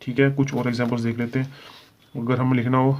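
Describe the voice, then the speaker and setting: A man's voice: mid-range voice, little pitch movement, fast talker, a little mellow, slight background noise. A man teaching shorthand in a step-by-step lesson, speaking with a Hindi accent and patiently checking in with "theek hai" as he goes. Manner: explains patiently, repeats "ठीक है" often. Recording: slightly dull lo-fi sound.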